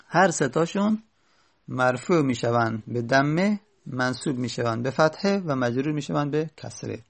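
A man gives a grammar lesson in a gravelly voice with a middling pitch. He talks patiently, going over each rule more than once and leaning on the important words. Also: animated, pauses often. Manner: patient, repeats key points with stress. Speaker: teacher.

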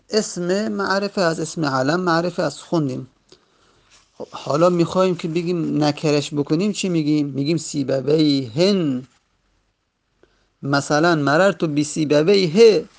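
A man teaching a grammar lesson patiently, repeating each word form several times, his pace slowing and rushing by turns. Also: a little high, gravelly, darkish tone. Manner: uneven pace, stretches some words and rushes others.

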